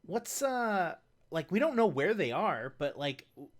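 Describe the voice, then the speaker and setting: A player in a live tabletop game, talking loosely with many pauses and fillers. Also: mid-range voice, big pitch swings. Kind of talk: casual role-play banter.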